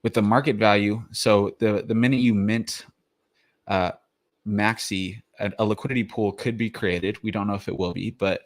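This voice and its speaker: Breathless low-voiced man explaining casually. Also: fairly even intonation, moderate pace. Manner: rambling, many fillers and restarts. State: out of breath after the gym. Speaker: crypto video host.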